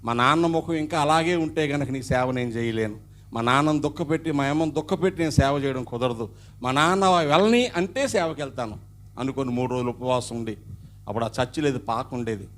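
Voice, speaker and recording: A middle-aged man, preaching a sermon as a pastor and telling his own story. He swings from loud passages to hushed ones. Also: medium pitch, fairly quick. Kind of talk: sermon with personal testimony.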